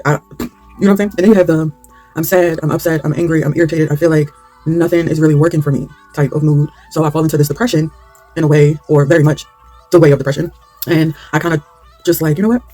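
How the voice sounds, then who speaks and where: A woman's voice: low voice, steady tone, quick pace, mellow, faint music behind. A woman chatting candidly while she does her own hair, rambling and losing her train of thought. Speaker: hair vlogger. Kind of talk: casual chat while styling hair.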